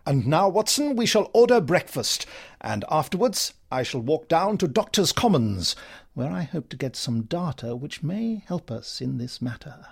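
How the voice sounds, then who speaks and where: An actor playing a precise middle-aged detective in an audio drama. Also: male voice, fairly high pitch, big pitch swings, moderate pace, creaky. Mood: measured, decisive.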